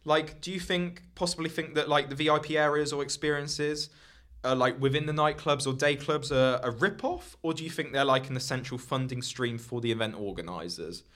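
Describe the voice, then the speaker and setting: A young podcast host talks a little fast, his mid-range voice carrying a slight brightness. The conversation is casual and loose, full of fillers such as "like" and "you know."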